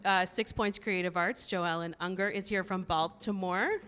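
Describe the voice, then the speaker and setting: In a synagogue sanctuary, a woman leading the congregation welcomes guests and thanks helpers before the service, chatty and upbeat and laughing often. Her voice is lowish and steady at a normal speed, with background noise and long hall reverb.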